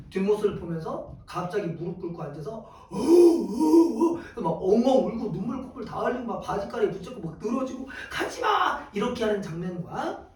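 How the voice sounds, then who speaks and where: A male teacher giving a classroom lecture. He asks questions and answers them himself in a lively way. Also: high voice. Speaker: Korean exam prep teacher. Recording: echoey room from a distant mic.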